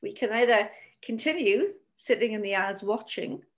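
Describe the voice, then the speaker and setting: Gentle, reflective woman. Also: medium pitch, expressive, moderate pace. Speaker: co-host and coach. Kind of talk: casual conversational podcast.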